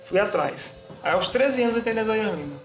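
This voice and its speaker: A man's voice: high voice, animated. Reflective Bahian man in echoey room. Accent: Bahian Portuguese. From Bahia, Brazil. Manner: reflective, pausing, restarts words. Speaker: interviewed artist and musician. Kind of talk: relaxed interview answers. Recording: echoey room with music behind.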